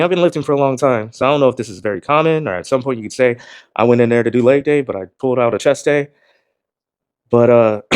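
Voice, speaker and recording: A man talks casually to his camera in a loose, rambling way, dropping the odd swear word. His voice sits at an ordinary middle pitch and he calls it monotone himself. The sound is dry and close, with no room echo. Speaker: gym vlogger.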